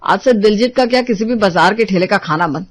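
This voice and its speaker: A woman voicing a young husband who softly pleads and coaxes his wife with sweet talk. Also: medium pitch, fairly quick, dry recording, close to an everyday voice. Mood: pleading. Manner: pleading, coaxing.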